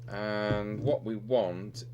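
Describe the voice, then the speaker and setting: Working at an indoor radio repair bench, a man talks through an unscripted, hands-on technical demonstration, explaining each step somewhat hesitantly as he goes. His voice sits on the low side, steady and a little mellow, and he speaks extremely slowly. The recording is clearly noisy, with electrical hum throughout.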